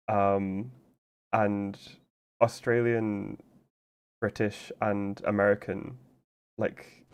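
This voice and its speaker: Low-voiced man rambling on stream. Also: darkish tone. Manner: rambling, explanatory, heavy use of "like". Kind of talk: casual chat while playing a game.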